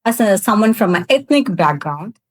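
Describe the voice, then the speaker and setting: A woman's voice: medium pitch, lively intonation, normal speed. Woman with a thick South Indian accent. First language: Tamil. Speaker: interview guest, cosmetics business founder. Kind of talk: conversational interview answers.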